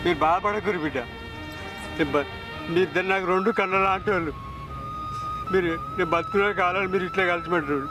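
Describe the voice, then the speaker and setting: A man's voice: high voice, fast talker, pauses often, close to an everyday voice. An actor playing an elderly grieving father who is stubborn and hurt, speaking in emotional short-film acting. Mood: tender. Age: older. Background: music.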